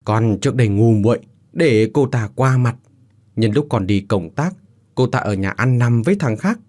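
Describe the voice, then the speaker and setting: Male narrator as a violent, threatening husband, husky, raised voice. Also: medium pitch, expressive, normal speed, darkish tone, lightly acted. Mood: cold. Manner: harsh, threatening. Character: cruel, violent young husband.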